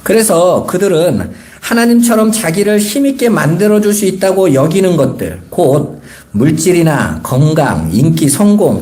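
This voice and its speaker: A man's voice: on the high side, darkish tone. A pastor in his forties preaching a Sunday sermon, asking rhetorical questions and rising to emphatic points.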